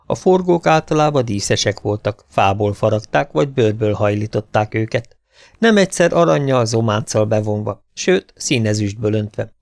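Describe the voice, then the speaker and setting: A man narrating a fantasy audiobook in a steady, measured storytelling manner. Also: mid-range voice, vocal fry, dry recording, clean studio sound. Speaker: audiobook reader.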